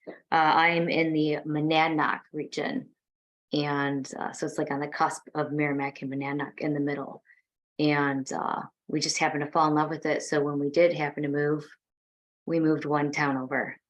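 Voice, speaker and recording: A woman's voice: sits low, level tone, normal speed. A married woman on a panel, recalling her house hunt with frequent hesitations. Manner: hesitant, lots of fillers. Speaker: panel guest. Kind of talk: casual panel chat.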